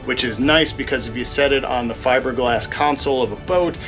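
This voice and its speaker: Man, medium pitch, casual product review, faint guitar music behind. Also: brisk. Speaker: scuba diving gear reviewer.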